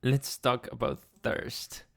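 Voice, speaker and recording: A man's voice: medium pitch, flat delivery, slow pace, gravelly. A man hosting a casual livestream, reading chat messages aloud and answering them in a chatty, rambling way with frequent laughs. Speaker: ASMR livestream host.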